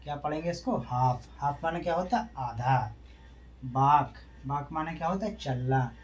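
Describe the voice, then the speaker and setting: Speaking at a moderate pace in a fairly high pitch, a male English teacher runs a classroom lesson in Hindi. He spells words letter by letter and poses questions that he then answers himself.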